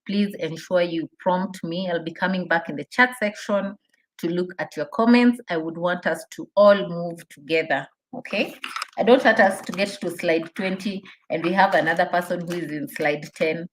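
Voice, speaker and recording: A woman's voice: on the low side, low-quality recording. A woman teaching an interactive online session as a trainer, encouraging participants, repeating her questions and checking that they follow. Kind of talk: interactive webinar teaching, reading out chat responses.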